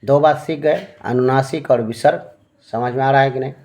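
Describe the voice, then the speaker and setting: A man's voice: medium pitch, creaky, darkish tone. A man teaching Hindi grammar at a board, explaining patiently and often checking that the children follow. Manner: slow, patient, checks in with "है ना?" and fillers. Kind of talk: classroom lesson explaining at a board.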